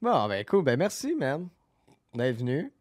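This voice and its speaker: Joking Québécois podcast host. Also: male voice, medium pitch, wildly swooping pitch, unhurried, a little mellow, no room sound, studio quality. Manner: joking, loose, teasing. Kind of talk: casual chat.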